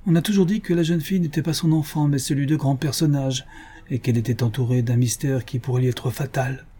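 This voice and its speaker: A man voicing a gentle, solemn, dying mother in an audiobook, speaking in a raised pitch. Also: fairly even intonation, a little fast, slightly rough, close to an everyday voice. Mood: anxious. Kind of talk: audiobook character reading.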